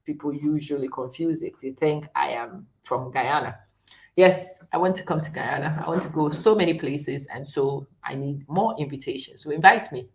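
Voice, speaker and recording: A woman's voice: low-pitched, normal speed. A middle-aged woman from Ghana hosting a chatty live stream, talking directly to viewers and often laughing. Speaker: host.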